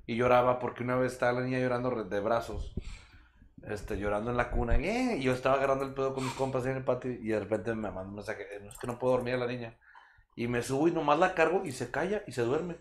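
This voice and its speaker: A man's voice: medium pitch, fast talker, slight background noise. A young man with a Mexican accent, chatting casually and emotionally in slangy talk. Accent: Mexican Spanish. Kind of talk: casual chat.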